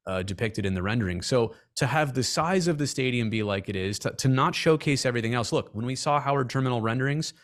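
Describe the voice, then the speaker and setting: Guy on a sports podcast, reporter type, keeps it lively, drops jokey comparisons. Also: medium pitch. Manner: animated, builds points with humorous analogies. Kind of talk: casual podcast chat.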